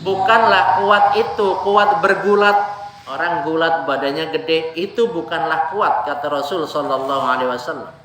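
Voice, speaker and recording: A man preaching a lively, joking sermon to a congregation, weaving in Arabic quotations. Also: fairly high pitch, moderate pace. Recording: echoey room, ambient noise.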